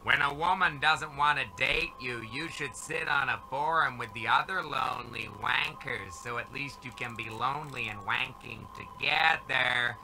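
A man's voice: medium pitch, moderate pace, few pauses, pushed and bright, slight background noise, low-quality recording. A man voicing a deranged talking dead puppy. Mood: crude. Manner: barks between unhinged advice.

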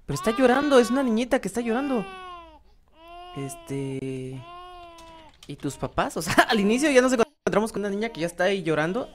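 A woman's voice: medium pitch, big pitch swings, brisk. A woman hosting a gaming channel, giving rambling, casual gameplay commentary with lots of fillers and restarts, often addressing viewers directly. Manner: talks to viewers as "chicos".

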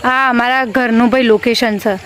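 Woman, family vlogger, casual chat, somewhat high voice, rambling and friendly, outdoor rooftop, phone mic, faint crickets behind. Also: steady tone, moderate pace, a bit bright, slight background noise. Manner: chatty, keeps adding a friendly filler word.

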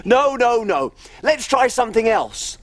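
A woman's voice: on the high side, big pitch swings, unhurried, no room sound. A woman playing a tiny, cheerful female cook on a children's TV show, bubbly and giggly, telling stories in a sing-song way. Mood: playful. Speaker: children's TV presenter. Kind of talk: children's TV acting and storytelling.

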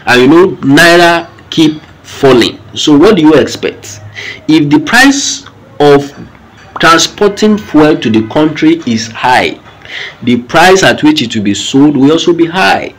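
A man's voice: a little high, animated, unhurried, poor audio. A man with a Nigerian accent giving news commentary in an explanatory way.

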